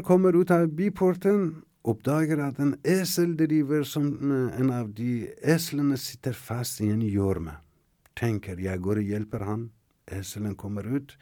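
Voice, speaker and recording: A man from Iran with an Iranian accent, telling a folktale in an animated, dramatic way with shifting voices. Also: medium pitch, dry recording, clean studio sound. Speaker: storyteller. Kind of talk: oral folktale storytelling.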